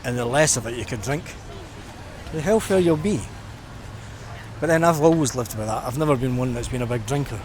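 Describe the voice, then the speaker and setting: A middle-aged vlogger from Scotland rambles reflectively and informally while walking along a busy seafront. He speaks briskly at a medium pitch but leaves long pauses, and the recording picks up outdoor street noise and traffic.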